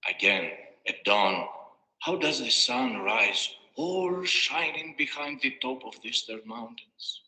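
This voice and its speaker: A man with a medium-pitched, expressive voice narrates a scripted fairy tale slowly, giving it a bright, pushed, dramatic storybook delivery. Music plays behind him, and the playback sounds echoey and reverberant.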